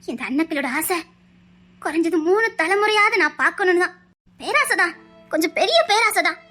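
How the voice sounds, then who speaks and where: A woman plays an aging family matriarch with a Tirunelveli Tamil accent, speaking in a very high, bright voice. She lectures and pleads earnestly, over faint music. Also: expressive, moderate pace, exaggerated voice. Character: elderly mother-in-law matriarch, earnest, pleading. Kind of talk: family web-drama acting.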